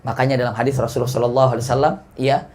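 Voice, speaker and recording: A young man, preaching a sermon as an animated storyteller who swings his pitch and loudness. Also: very fast. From Indonesia. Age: young adult.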